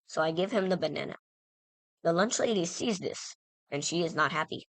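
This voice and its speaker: Low-voiced woman rambling through a story. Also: moderate pace, no room sound. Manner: rambling, self-interrupting, frequent fillers and "right?"; playful, self-mocking. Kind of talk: casual anecdote telling.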